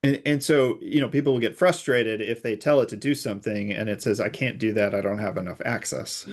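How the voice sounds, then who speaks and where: Here a man with a lowish voice talks fairly quickly. He is a security researcher invited as an expert guest, and he uses hypothetical examples to explain technical concepts in the interview.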